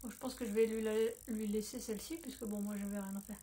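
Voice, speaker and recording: A woman's voice: mid-range voice, steady tone, fast talker, warm tone, faint music behind. A woman talking casually to her phone camera at home as a knitting podcaster, rambling with many fillers and self-corrections. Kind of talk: casual video chat. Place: at home, indoors.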